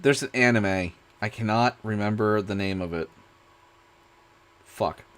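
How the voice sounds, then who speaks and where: Young guy streamer rambling excitedly, low voice, super casual. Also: measured pace. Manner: rambling, excitable, many fillers and restarts. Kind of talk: casual chat.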